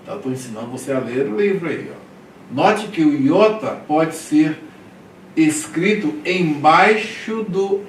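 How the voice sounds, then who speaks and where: A man's voice: fairly high pitch, slight background noise. A man teaching a classroom Greek lesson, drilling words one by one and checking in with his students. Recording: echoey room, mic at a distance.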